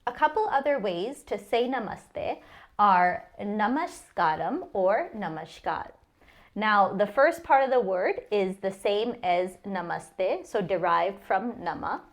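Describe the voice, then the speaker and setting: Woman, unhurried explainer, patient and measured, sounds out each syllable. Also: medium pitch, animated. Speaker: language teacher. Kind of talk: explanatory lesson.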